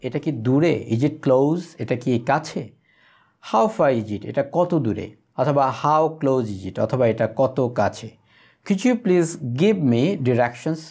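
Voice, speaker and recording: A man teaching spoken English, saying English phrases slowly and clearly for learners to repeat. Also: medium pitch, a little mellow. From Bangladesh.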